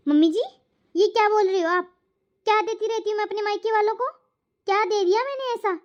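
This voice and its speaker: A meek young daughter-in-law in a cartoon story, voiced by a woman. She answers hesitantly and defends herself. Her voice is high, and the sound is slightly lo-fi. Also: a little fast. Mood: defensive.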